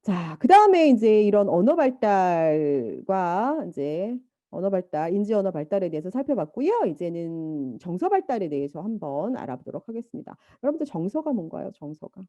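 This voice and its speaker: A woman giving a lecture, lively and animated, now and then imitating baby babble and a mother's talk. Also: mid-range voice, moderate pace, hardly any pauses, no room sound. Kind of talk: university lecture.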